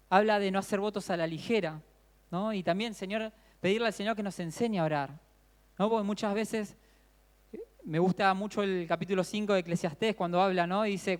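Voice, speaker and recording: High-voiced man preaching a sermon. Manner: earnest preaching, often adds questioning tags; reads scripture aloud slowly. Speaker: pastor.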